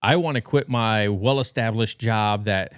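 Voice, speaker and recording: A man in his thirties from the western United States chats as a podcast guest, spinning informal, rambling stories from a bedroom at home. He speaks a little slowly in a fairly low, clean-toned voice, and the studio-quality audio has no room sound.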